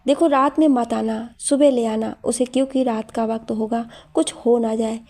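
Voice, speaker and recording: A brooding male boss, as a woman narrator voices him, curt and distracted in a storybook tale. The voice is husky and mellow, set fairly high. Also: steady tone, normal speed. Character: man, preoccupied and brooding office boss.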